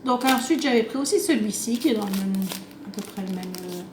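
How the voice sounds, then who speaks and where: This woman's voice sits on the high side and is expressive and a little quick as she chats to camera about a craft shopping haul. She's French and half Italian, and her off-the-cuff talk meanders hesitantly. A phone on a table captures it, with a roomy echo and clear household noise.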